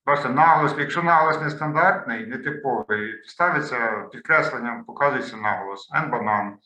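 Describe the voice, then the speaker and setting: Bright-voiced male tutor on a call. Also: mid-range voice, brisk, echoey room, low-quality recording. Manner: explanatory, thinks aloud while clicking through slides. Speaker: language tutor. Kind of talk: online lesson walkthrough. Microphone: video call.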